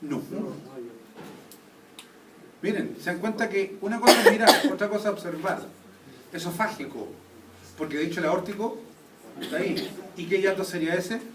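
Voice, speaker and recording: Man, high voice, anatomy lecture, keeps quizzing the class, echoey classroom, distant mic. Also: normal speed, pauses often. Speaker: anatomy teacher. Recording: echoey room, taped from a distance, faint noise.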